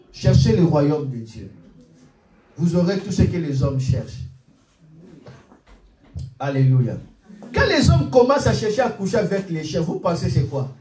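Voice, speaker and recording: A man in his forties preaching a sermon as pastor, animated and peppered with alleluias and amens. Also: sits high. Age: 40s. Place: church hall. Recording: echoey room, mic at a distance.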